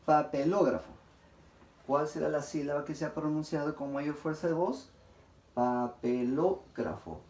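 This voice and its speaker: Guy teaching a class, mellow tone, drags out example words slow, echoey room. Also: on the high side. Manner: stretches example words out slowly, syllable by syllable; checks in with listeners often. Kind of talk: classroom lecture. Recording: echoey room, faint background noise.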